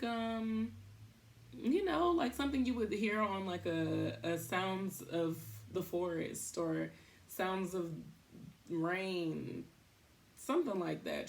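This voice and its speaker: Chatty woman thinking out loud. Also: on the low side, big pitch swings, slow pace, creaky. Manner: thinks out loud, chatty, self-interrupting, laughs at herself. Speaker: podcast host. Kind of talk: casual rambling monologue.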